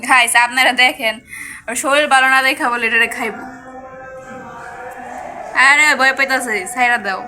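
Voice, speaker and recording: A woman's voice: high voice, fairly even intonation, moderate pace, pauses often, pushed and bright, faint music behind, poor audio. A young woman chatting casually to her viewers in a home vlog, talking through a cold and a sore throat. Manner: chatty, rambling, addresses viewers directly. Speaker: vlogger. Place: home, indoors and on a rooftop garden and kitchen.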